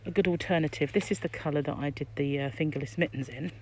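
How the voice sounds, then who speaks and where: A woman's voice: sits low, fast talker, a little mellow. A middle-aged British woman chats casually while shopping, musing aloud, her voice muffled by a face mask. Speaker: crochet vlogger. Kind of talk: casual shopping vlog, chatty commentary. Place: inside a shop aisle. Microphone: handheld phone, behind the camera. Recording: background noise, shop ambience.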